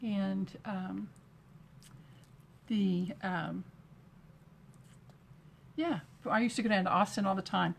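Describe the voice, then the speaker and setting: A chatty middle-aged woman from Texas talks viewers through a craft project on a live stream, greeting them by name while her hands stay busy. Her voice sits at an ordinary pitch for a woman. A faint hiss runs under the recording. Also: slow pace, creaky, pauses often. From Texas, USA. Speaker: craft demonstrator.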